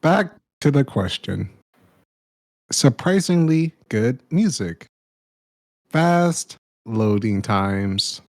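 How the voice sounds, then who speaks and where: A man's voice: medium pitch, big pitch swings, extremely slow, pauses often, no room sound, studio quality, heavily acted. A man putting on a terse male AI robot persona in a clipped robot voice, giving very short answers and saying beep boop. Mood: robotic.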